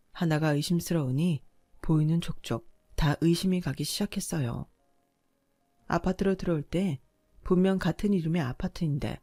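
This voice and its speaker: A woman's voice: deep voice, mellow, no room sound. A woman narrating a scripted first-person story in a confiding, storytelling tone.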